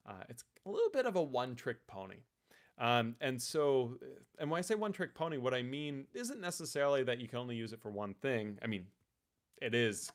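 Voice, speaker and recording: A man teaching ukulele in a casual live-stream Q&A, relaxed and chatty, with lots of ums and restarts. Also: mid-range voice.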